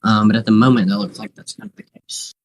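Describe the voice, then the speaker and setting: A man hosting an unscripted live weather stream, thinking aloud in a halting, repetitive way. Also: fairly low pitch, fairly even intonation.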